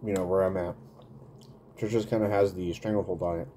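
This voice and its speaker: A man's voice: deep voice, steady tone, a little fast, warm tone, slight background noise. A man in his thirties reviewing food in a casual vlog, talking between bites and humming as he tastes, recorded on a webcam in a small room. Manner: chatty, eating while talking, smacking and humming. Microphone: webcam at desk.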